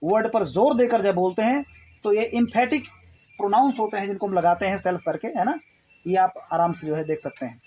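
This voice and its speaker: Husky tutor voice, steady explanatory delivery, repeats examples often and checks understanding. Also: mid-range voice, fairly quick. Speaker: spoken English teacher. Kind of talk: explanatory lesson.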